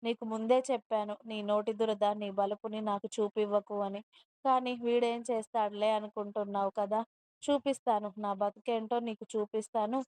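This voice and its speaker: A woman's voice: mid-range voice, fairly even intonation, normal speed, a little mellow, smooth, no room sound, close to an everyday voice. A woman reading a storybook and voicing a domineering young husband who scolds and threatens in a bossy way. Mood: furious. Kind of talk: storybook narration with dialogue.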